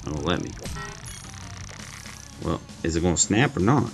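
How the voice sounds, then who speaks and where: A man with a low voice sounds very animated and keeps a moderate pace. Playing and reviewing a mobile game, he makes casual small talk, reasons out loud, and laughs at his own errors. Faint game music can be heard underneath.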